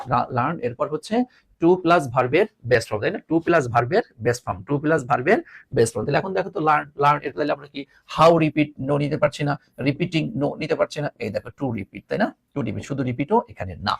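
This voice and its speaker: This Bangladeshi grammar teacher's voice is a little high, gravelly and slightly rough. In his lively video lesson on English, he goes over every point more than once, tosses rhetorical questions at students, and adds playful, teasing remarks.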